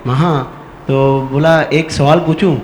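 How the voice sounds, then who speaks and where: A man's voice: a little high, fairly even intonation, slow pace. Man devotee, telling a story, chatty, roomy echo, faint noise. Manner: chatty, acts out others' voices. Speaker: devotee and helper. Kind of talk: casual storytelling. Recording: echoey room, faint noise.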